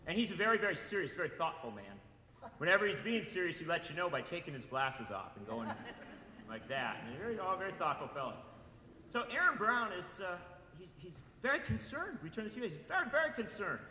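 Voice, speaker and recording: A man's voice: high-pitched, sing-song, a little fast, sharp tone, a little hiss or hum. A man from Wisconsin giving a rousing political speech to an audience, building into impassioned, repeated appeals. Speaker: speaker at a political event. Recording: echoey hall with long reverb.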